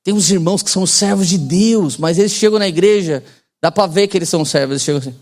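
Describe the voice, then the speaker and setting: A man's voice: high-pitched, fast. A man in his forties preaching a sermon as pastor, in a casual joking manner with slang and call-and-response to the congregation.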